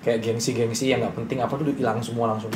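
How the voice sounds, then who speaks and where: A young man talks very fast as a guest in a casual interview. He tells his business story with bold, brash confidence. A roomy echo and faint noise surround his voice. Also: medium pitch, flat delivery.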